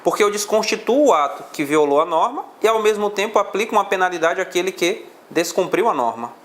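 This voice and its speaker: Professor brasileiro explicando em aula. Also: male voice, sits high, expressive, a little fast, fairly bright tone. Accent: Brazilian Portuguese. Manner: explains step by step, asks the class questions. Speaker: law teacher. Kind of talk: classroom lecture on exam questions.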